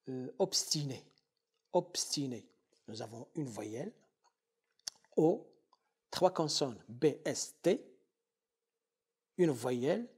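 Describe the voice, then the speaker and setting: Slow, husky-voiced male professor lecturing. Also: on the high side, darkish tone. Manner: deliberate, repeats and spells out syllables as examples. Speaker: university professor. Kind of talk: university lecture.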